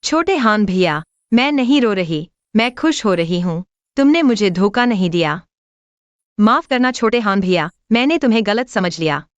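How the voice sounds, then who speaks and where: A woman's voice: medium pitch, lively intonation, normal speed, dry recording, lo-fi sound, lightly acted. A woman playing an earnest young heroine. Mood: tearful. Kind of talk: dubbed short drama.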